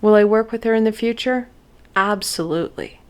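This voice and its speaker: A woman's clear, resonant, mid-range voice guides viewers through a spiritual oracle card reading. Her delivery is kind and encouraging, marked by thoughtful pauses.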